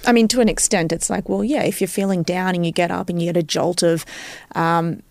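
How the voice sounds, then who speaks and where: As the expert on a podcast, this Australian-accented woman walks through her subject methodically and keeps confirming understanding with tag questions. Her voice is lowish, steady, creaky, and fairly quick, recorded without any echo.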